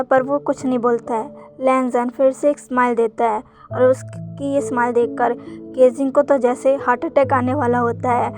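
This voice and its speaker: A woman retelling a fanfic story in steady, plain narration. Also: sits high.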